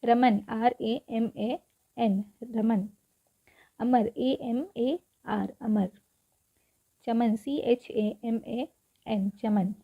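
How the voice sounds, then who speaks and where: A woman with a fairly high voice teaches spelling, spelling each word out letter by letter and then saying it again. She keeps asking the viewer short rhetorical questions. The recording sounds dull and lo-fi. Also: fairly even intonation, very slow, long pauses. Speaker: English teacher. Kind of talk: spelling lesson, Hindi explanation.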